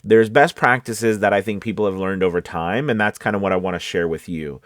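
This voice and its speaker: A man working as a voice-over coach gives a casual talking-to-camera tutorial, keeping it conversational and frequently checking in with his listeners. His voice is lowish and brisk, with close, dry home studio sound and no echo.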